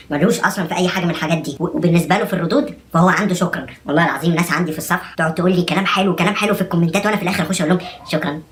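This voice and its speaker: A young man with an Egyptian accent rattles through a comic vlog monologue at a breakneck pace. He jokes in an exasperated, rapid-fire way, and faint room noise sits behind him. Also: fairly high pitch, a bit bright. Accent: Egyptian Arabic. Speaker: comedy vlogger.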